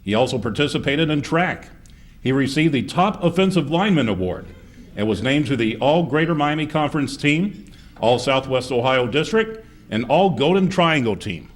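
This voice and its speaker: A man's voice: mid-range voice, expressive, moderate pace. A man, acting as master of ceremonies and reading a formal introduction. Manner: formal, reads with asides.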